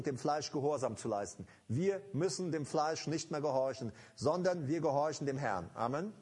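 A man's voice: on the high side, darkish tone, breathy edge. A man preaching a sermon, earnest and emphatic, speaking directly to his congregation.

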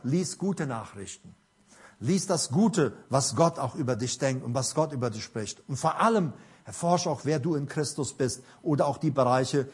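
High-voiced preacher from Paraguay. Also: male voice, slightly rough. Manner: rises to loud emphatic preaching, asks the congregation questions. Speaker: pastor. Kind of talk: sermon.

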